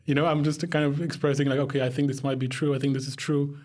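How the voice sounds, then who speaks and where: A man's voice: mid-range voice, level tone, fast talker, a little mellow, a little hiss or hum. A young man from Pakistan, a podcast guest talking casually and reflectively, often breaking into laughter. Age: young adult. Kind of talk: casual conversation.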